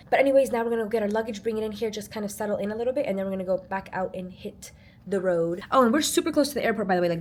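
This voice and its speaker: A woman's voice: medium pitch, darkish tone. A woman vlogging a trip in a chatty, upbeat way, full of "like" and "honestly.". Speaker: travel vlogger. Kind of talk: casual travel vlog narration.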